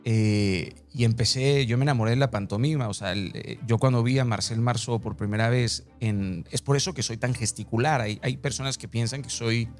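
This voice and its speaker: A man with a Mexican accent interviewing a guest, telling stories in an expressive, theatrical way full of slang. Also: mid-range voice, fairly quick, few pauses. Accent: Mexican Spanish. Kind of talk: animated conversational interview.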